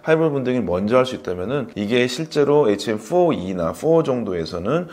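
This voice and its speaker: A man's voice: medium pitch, very animated, quick pace, darkish tone. A middle-aged man, a former chip researcher, explaining technical points as a guest expert, lecturing with fillers and self-corrections. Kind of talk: explanatory interview talk.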